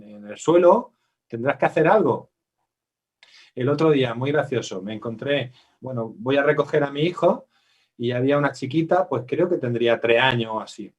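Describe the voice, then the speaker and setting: Guy psychologist talking to parents, chatty, asks the room questions, slightly high voice. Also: recorded from a distance, dull audio. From Spain. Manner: conversational, asks the audience questions, acts out quotes. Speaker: psychologist giving a parenting workshop. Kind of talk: live workshop talk to parents.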